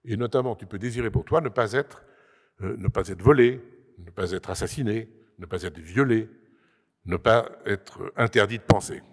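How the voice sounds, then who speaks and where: Speaking at a moderate pace in a lowish voice, a man explains a topic on a conference panel, delivering a lecture-style talk to an audience with emphasis and frequent hesitations and restarts. The assembly hall gives the recording a long, large-room reverb.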